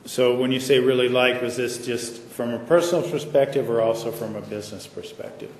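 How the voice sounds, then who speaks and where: A man questioning a witness as an attorney, asking measured, leading questions, in a courtroom recording. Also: mid-range voice, steady tone, a little mellow, a little hiss or hum. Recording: echoey courtroom audio from far off.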